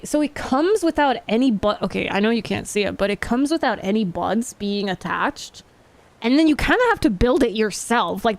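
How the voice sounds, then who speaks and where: A woman streamer chatting casually with her viewers while gaming, giggling and swearing freely. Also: a little high. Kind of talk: casual live-stream chat.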